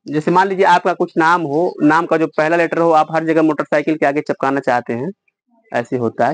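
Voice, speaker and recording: High-voiced male math teacher, dry. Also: a bit bright, no room sound. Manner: explains step by step, quizzes students. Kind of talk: classroom lesson. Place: classroom.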